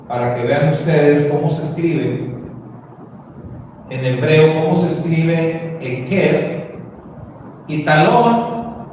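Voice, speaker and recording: A man with a Mexican Spanish accent, teaching a sermon slowly and asking rhetorical questions. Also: fairly high pitch, darkish tone. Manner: slow, explanatory, asks rhetorical questions. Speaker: preacher. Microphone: distant from the mic. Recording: echoey hall, distant mic, faint noise.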